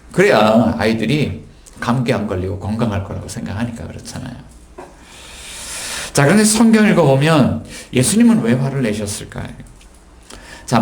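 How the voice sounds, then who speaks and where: A man preaching a sermon as pastor, telling stories and acting out quoted lines with sudden jumps in pitch. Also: a little mellow. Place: church sanctuary. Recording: echoey church hall.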